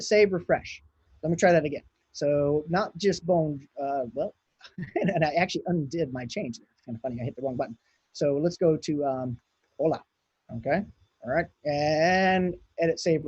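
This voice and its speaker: A man's voice: fairly high pitch, darkish tone, breathy edge, no room sound, muffled recording. A man from Hawaii giving a conference talk, thinking aloud and chatting as he runs a live coding demo. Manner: chatty, thinks aloud while clicking and typing. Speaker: conference speaker.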